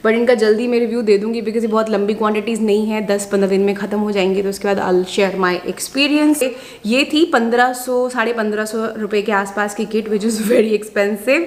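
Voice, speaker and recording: A woman chatting casually through a beauty product haul, mixing in English phrases and pausing often with filler sounds. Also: mid-range voice, fairly even intonation. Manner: mixes Hindi and English, many filler sounds. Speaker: beauty vlogger.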